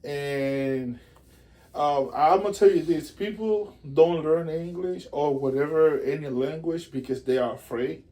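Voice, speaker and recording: Man, high-ish voice; animated casual guest who acts out quotes. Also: measured pace. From Puerto Rico. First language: Spanish. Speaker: musician guest. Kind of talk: casual interview.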